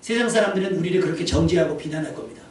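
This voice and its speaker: A man's voice: a little high, lively intonation, very fast, slight background noise. A man preaching a sermon as pastor. He tells stories in a chatty way and acts out the quoted lines. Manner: conversational storytelling, acting out quotes. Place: church sanctuary. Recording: echoey church hall, mic at a distance.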